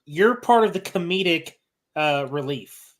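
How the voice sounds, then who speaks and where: A male podcast host with a slightly raised voice trades quick jokes with his co-hosts. His talk is loose, teasing and playful. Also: on the high side, expressive. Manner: jokey, teasing, quick comebacks. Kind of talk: casual podcast banter.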